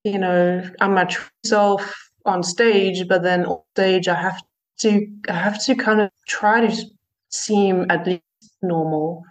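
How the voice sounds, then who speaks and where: Interviewed casually, a woman musician with a medium-pitched voice halts often, restarting sentences and leaning on fillers, all captured in poor-quality audio.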